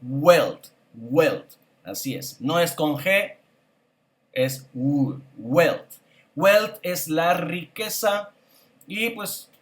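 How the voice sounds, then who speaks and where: A man teaching English vocabulary in a patient lesson, repeating words slowly for pronunciation drills. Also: medium pitch. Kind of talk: spoken grammar and pronunciation lesson.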